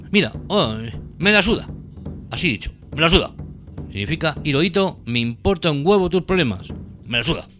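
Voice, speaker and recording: A man's voice: mid-range voice, fairly bright tone. A man from hosting a comedic parody language lesson, mock-teacherly and punning with crude asides. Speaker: host of a spoof language course. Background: music.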